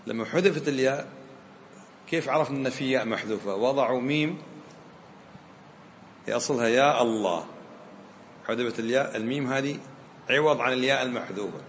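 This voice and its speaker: A man's voice: mid-range voice, fairly quick, long pauses, slight background noise. A man teaching a grammar lesson, questioning his students and mixing dialect into his explanations. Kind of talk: classroom lesson. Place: lecture room with students. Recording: roomy echo.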